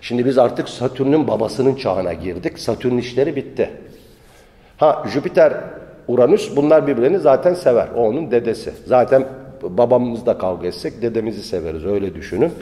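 A man's voice: mid-range voice, animated, brisk, dark tone. A man, an astrology teacher, gives an informal lecture in a rambling, colloquial and preachy way, often scolding his listeners. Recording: long reverb.

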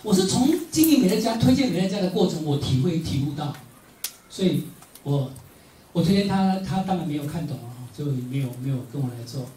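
A middle-aged man with a Taiwanese Mandarin accent gives a motivational speech, telling stories in an animated way with frequent laughter and emphatic repetition. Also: on the high side, a little fast. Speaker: motivational speaker. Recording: echoey hall, distant mic, faint noise.

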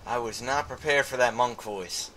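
A man hosts a let's play, chatting casually with friends while gaming, his mid-range voice at normal speed. Game ambience comes through clearly behind him, along with a crowd in the background, and the audio quality is poor.

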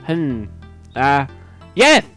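A man's voice: a little high, wildly swooping pitch, very slow, fairly bright tone, faint music behind, exaggerated voice. A man voicing a naive young male dragon, the son of a dragon god, talking in an earnest, polite, worried way.

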